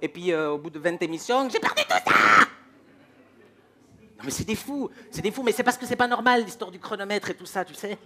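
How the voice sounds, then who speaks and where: A man doing stand-up comedy, ranting in an animated, mock-exasperated way. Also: high-pitched, fast, few pauses.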